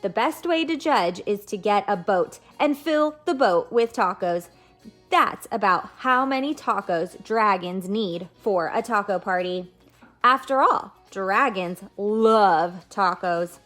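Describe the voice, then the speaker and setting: A woman teaches young children through a picture-book read-aloud, talking straight to them with simple explanations and questions. She has a mid-range, fairly bright voice with lively intonation and takes it slowly, and soft music plays underneath.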